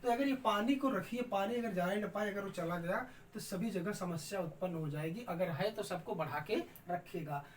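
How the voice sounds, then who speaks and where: A woman teaching a grammar lesson at a middle pitch, explaining patiently and checking in with her students often. She sits some way back from the microphone, and a faint room hum runs underneath. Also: moderate pace, few pauses. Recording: distant mic with faint room ambience.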